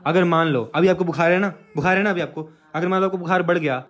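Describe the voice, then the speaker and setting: A man's voice: high voice, fast, a bit bright. A young man filming a casual home vlog, patiently coaxing and explaining things to a sick child. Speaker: vlogger. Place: family home.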